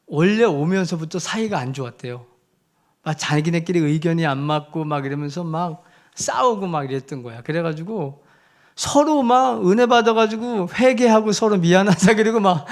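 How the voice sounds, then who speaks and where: A man, a missionary, telling a story in a youth sermon at a church, animated and packed with fillers. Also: high voice. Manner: animated, filler-heavy storytelling with big swings in loudness. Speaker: missionary preacher.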